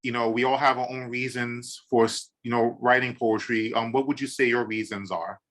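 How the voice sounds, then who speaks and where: This podcast host's voice is medium-pitched, a bit bright, and steady in tone at a moderate pace. He runs a poetry interview over a video call, enthusiastic and full of "um"s and repeated "awesome"s.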